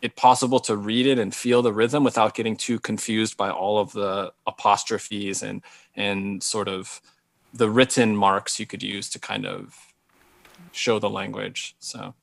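Interviewed as a guest author over a video call, a Hawaiian man in his thirties responds with care and thought, frequently starting phrases over. His low, level voice is a little slow with vocal fry, captured on earbuds in a small indoor room with no echo.

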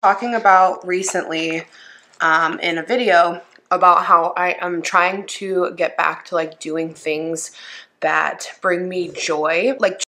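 A woman's voice: lowish voice, steady tone, takes it slowly, bright, forceful tone, poor audio. Chatty woman talking while eating. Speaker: YouTuber. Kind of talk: casual eating chat video.

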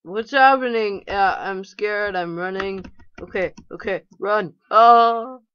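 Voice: mid-range voice, takes it slowly, smooth, dull audio. A gamer giving casual let's-play commentary, chatty and talking to themselves with playful frustration. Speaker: gameplay commentator.

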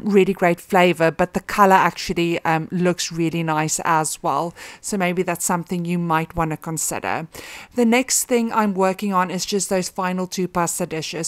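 Woman, thirties, lower voice, relaxed chatty cooking voice-over, dry close mic. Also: no echo. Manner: relaxed, chatty, frequent ums. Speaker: cooking vlogger. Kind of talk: casual voice-over narration of cooking steps.

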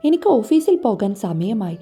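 A woman's voice: mid-range voice, big pitch swings, normal speed, mellow, slightly rough. A woman reading a stern, bossy young husband. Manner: curt, bossy orders.

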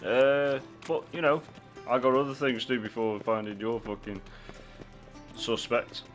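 Slow-paced man doing gameplay commentary. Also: mid-range voice, little pitch movement, soft background music. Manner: jokey, sweary. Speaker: gamer, let's player.

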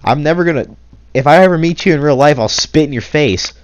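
A man's voice: fairly high pitch, expressive, fairly quick, dry recording. A young man in an angry commentary rant, indignant and exasperated, sighing often and swearing. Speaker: commentary creator. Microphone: console capture mic.

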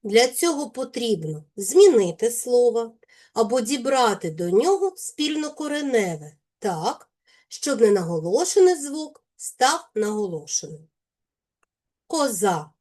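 A woman teacher with a Ukrainian accent giving a lesson, carefully and deliberately pronouncing each sound and example word. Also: a little high, mellow. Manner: slow, careful, deliberate enunciation of sounds and words. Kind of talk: scripted lesson for children.

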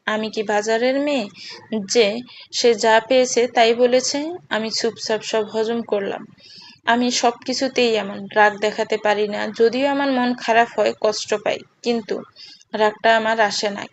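A woman narrating a first-person audio story in a steady, earnest reading. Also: on the high side. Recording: slightly dull with faint hiss.

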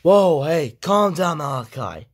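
Brash, bossy hedgehog manager, high for a man; a man voices him. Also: very animated, slow pace, faint music behind. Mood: commanding. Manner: brash, commanding.

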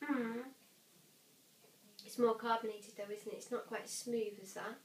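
High-pitched young Welsh woman. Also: steady tone, normal speed. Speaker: beer reviewer. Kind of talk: casual chat. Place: home kitchen, indoors. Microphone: camera a few feet away. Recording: echoey kitchen, distant camera mic, faint noise.

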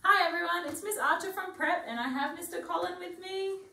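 A woman's voice: very high-pitched, brisk, creaky, sharp tone. Woman, primary school teacher, cheerful and enthusiastic, heard from a distance, roomy sound. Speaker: prep teacher. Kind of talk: casual on-camera chat. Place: school room. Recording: echoey room from a distance.

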